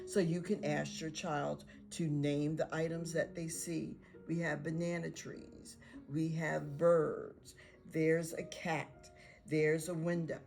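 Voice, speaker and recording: Teacher lady, kinda low gravelly voice, upbeat tips for parents on reading with kids. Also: darkish tone. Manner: encouraging, acts out parent-child dialogue. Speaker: pre-K teacher. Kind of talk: instructional video for parents.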